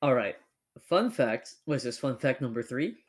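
A man's voice: medium pitch, big pitch swings, normal speed, crowd noise. A young man hosting a casual chat, rambling with lots of fillers. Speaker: podcast host.

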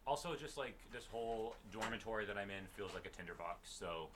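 A man's voice: lowish voice, expressive, fairly quick, background noise. A young man from Virginia with a Southern accent, co-hosting a podcast in casual chat, rambling with lots of fillers and poking fun at himself. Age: young adult. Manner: rambling, filler-heavy, self-deprecating. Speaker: podcast co-host.

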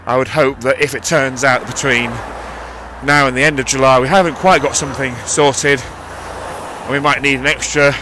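In a steady, mid-range male voice at a moderate pace, a vlogger keeps a rambling audio diary, often correcting himself. He holds a cupped handheld mic while walking beside a busy road and loses his breath going uphill. Traffic passes in the background of the outdoor street recording.

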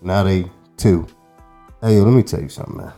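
With a low, warm voice and a brisk pace, this thirty-something man co-hosts a podcast over faint background music. His long anecdote meanders casually, peppered with curses and filler words, in a relaxed storytelling conversation.

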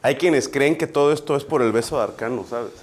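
A man with a Mexican accent hosting a casual chat, joking loudly and swearing freely. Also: mid-range voice, fairly quick, slight background noise. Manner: loud, profane joking banter. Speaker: host.

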